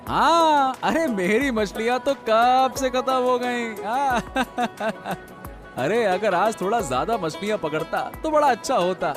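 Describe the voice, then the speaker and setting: A man voicing a cheerful, honest village fishmonger in a cartoon, loud and hawking. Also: extremely high pitch, expressive, a little slow, hardly any pauses, over music. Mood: chatty. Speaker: fish seller. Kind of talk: animated cartoon dialogue.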